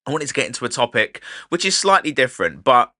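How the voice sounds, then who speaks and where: A thirty-year-old man talks straight into a close microphone, chatty and buzzing on coffee. His pitch leaps up and down all the time, and his tone is bright and forward. The sound is dry and close, with no room echo. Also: quick pace. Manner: chatty, animated, swears casually. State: wired on coffee, speaking fast. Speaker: podcast host and DJ. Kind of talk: casual solo podcast monologue.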